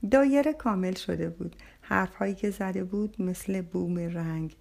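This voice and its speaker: A woman reading a novel aloud as an audiobook narrator, in a soft, hushed way. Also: lowish voice, creaky.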